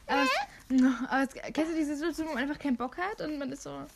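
A woman's voice: sits high, rapid-fire, creaky. A young woman co-hosting a podcast, rambling playfully and giggling in casual chat. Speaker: podcast co-host.

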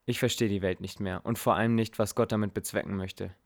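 A man's voice: fairly low pitch, fairly even intonation, fairly quick, vocal fry. A man voicing a troubled young warrior who earnestly questions his fate with frustration. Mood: frustrated. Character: young male warrior anointed as king, troubled and bitter.

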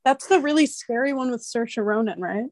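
There's slight background noise as a young woman with a fairly high, slightly nasal voice speaks at a moderate pace. Her casual chat drifts into rambling, energetic storytelling with plenty of fillers.

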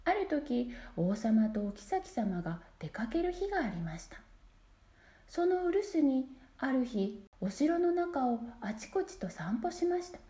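A woman reading a fairy tale aloud in a gentle, measured way, letting phrase ends drop into a whisper. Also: high voice, sing-song. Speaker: storyteller. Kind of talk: scripted fairy-tale narration. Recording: echoey room.

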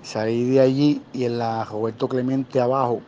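A Puerto Rican man spins casual, slangy stories from his security guard days, jumping into the voices of the people he quotes. His voice sits at an ordinary middle pitch. The recording is dull and lo-fi, with a faint hiss underneath. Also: little pitch movement, normal speed, dark tone. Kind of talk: casual storytelling.

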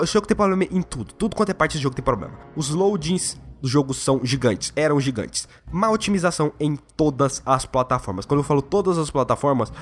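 A young Brazilian man giving a casual, blunt and opinionated game review, swearing freely. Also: fairly high pitch. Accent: Brazilian Portuguese. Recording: faint music behind the voice.

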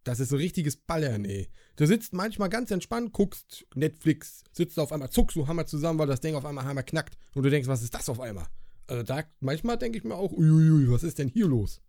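A man co-hosting a casual podcast, chatting in a relaxed, colloquial way and often repeating words. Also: fairly high pitch, a little fast, dry recording, clean studio sound. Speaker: podcast co-host, service technician. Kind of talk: casual chat.

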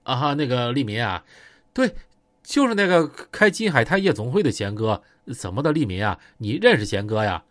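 A man voicing a hesitant local boss who coaxes in a low voice, with a Northeastern Chinese accent. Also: big pitch swings, moderate pace, a bit bright, no room sound. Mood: coaxing.

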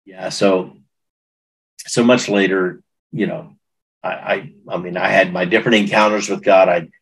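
A man's voice: low-pitched, fairly even intonation, unhurried, vocal fry, husky, rough recording. A middle-aged man recounting a personal testimony in an interview, earnest and emotional, often restarting his sentences. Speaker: guest.

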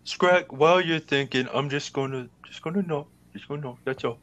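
A man's voice: a little high, fairly quick, a bit bright. A man in a tabletop game session coaching a friend's line like a mock director. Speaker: player. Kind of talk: casual tabletop game chat.

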